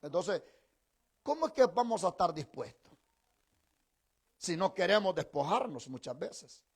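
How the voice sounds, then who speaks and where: A man's voice: high voice, big pitch swings, unhurried, gravelly, a little mellow, slightly rough. A middle-aged male pastor preaching a sermon in a conversational way, teasing his congregation, then building to emphatic proclamation.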